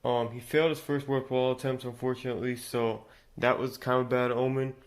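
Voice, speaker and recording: A man's voice: mid-range voice, little pitch movement, fairly quick. A man casually reviewing a competition show episode, rambling with many fillers and restarts, still congested after being sick. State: congested from recent illness. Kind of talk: casual unscripted commentary.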